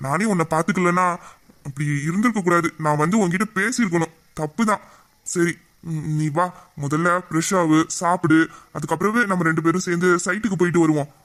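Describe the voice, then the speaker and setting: A man's voice: high-pitched, brisk, a bit bright. A man voicing a young man in an audio drama who patiently comforts and reassures his tearful best friend. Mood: soothing. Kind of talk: emotional audio drama acting.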